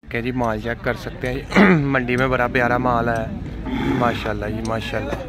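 This is a man's walking commentary from an outdoor cattle market set up under tents, delivered at a moderate pace in a medium pitch. He narrates for his video in a flat, repetitive way, returning again and again to praise for the animals, and outdoor noise can be heard behind him.

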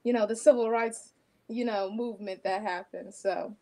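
A young woman who leads a youth nonprofit, explaining its work earnestly, pausing often on a video call. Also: medium pitch, steady tone, mellow. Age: young adult. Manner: earnest, informative, hesitant with fillers. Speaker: nonprofit president.

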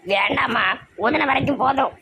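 A woman with a Tirunelveli Tamil accent in a village comedy skit, loud and complaining. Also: high voice, normal speed, creaky, a little hiss or hum. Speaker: comedy sketch actor.

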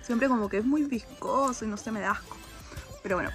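A woman in her 20s vlogs her day, chatting casually as she does chores in her small home while holding her phone at arm's length. Her voice is fairly high and fairly bright, she talks a little fast, and soft music plays in the background.

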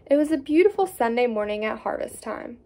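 A woman reading a fairy tale aloud in an expressive storytelling way, with small slips. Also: on the high side, a little fast.

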